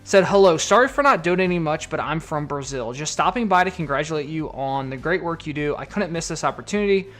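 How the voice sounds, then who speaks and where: On his live stream, a US card collector reads out viewer donations and comments in a casual chat. His voice is on the high side, expressive and fairly bright, racing along with few pauses. Faint music plays in the background.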